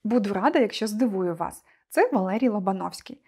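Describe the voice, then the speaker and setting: A woman teacher presenting a scripted online lesson, speaking clearly and deliberately to her pupils. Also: mid-range voice, expressive, a little mellow.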